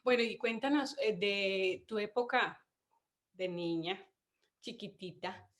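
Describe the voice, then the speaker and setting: A woman's voice: medium pitch, slow. A woman hosting an interview show, greeting listeners and asking questions, sometimes slipping and correcting herself. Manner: friendly, slips and corrects herself. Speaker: host.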